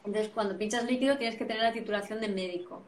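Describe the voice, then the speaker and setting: Woman, guest therapist, animated, repeats phrases, echoey room. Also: mid-range voice, quick pace. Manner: animated, repetitive phrasing, frequent tag questions. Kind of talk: reflective conversational explanation. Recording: roomy sound, distant from mic.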